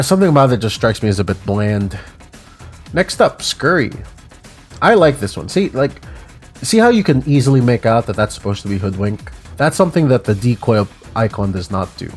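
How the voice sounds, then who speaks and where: Male gamer, low voice, sick, loose rambling commentary, home desk mic, faint music behind. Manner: rambling, casual, offhand verdicts with frequent fillers. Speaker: gaming video creator ranking icons. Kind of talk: unscripted tier-list commentary. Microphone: desk mic with headphones on.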